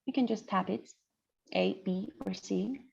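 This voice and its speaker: With a gravelly, husky voice of medium pitch, this woman speaks unhurriedly. She is a northern Iranian pediatrician lecturing with an Iranian accent in an interactive online medical class, explaining things and often making sure listeners keep up. The recording is muffled video call audio, made indoors.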